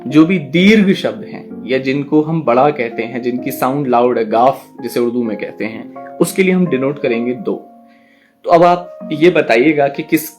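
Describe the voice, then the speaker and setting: A man's voice: medium pitch, a little mellow. A man teaching an online class on poetry, explaining patiently and stretching out words syllable by syllable to demonstrate. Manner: slow, drawn-out syllable demonstrations; explains patiently, addresses students directly.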